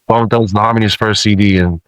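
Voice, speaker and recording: A rapper in his forties who grew up in Samoa tells stories as a guest, relaxed and casual, with plenty of fillers. His voice is lowish and he talks fast. The recording has no room sound.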